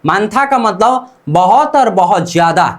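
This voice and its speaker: A teacher taking a beginner class through pronunciation at an unhurried pace. The voice sits at a middle pitch and keeps circling back with quick self-posed questions, repeating each sound several times so it sinks in. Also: animated. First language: Hindi. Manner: slow and deliberate, drills by asking "what?" and answering itself. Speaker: Korean language teacher. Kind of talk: beginner language lesson.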